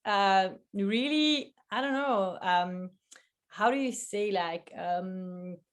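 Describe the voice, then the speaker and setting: Speaking slowly at a medium pitch, a Belgian food photographer chats as a guest in a relaxed video-call interview. She is talkative, laughs a lot, and frequently starts her sentences over.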